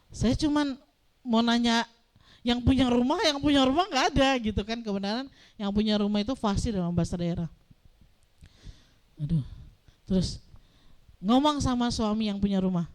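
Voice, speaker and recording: A middle-aged woman pastor giving a sermon as animated storytelling, acting out dialogue as she goes. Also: fairly high pitch.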